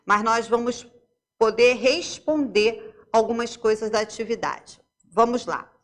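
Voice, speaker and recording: A woman's voice: a little high, measured pace. A woman teacher with a Brazilian Portuguese accent, giving a remote lesson to young pupils, explaining step by step and asking checking questions.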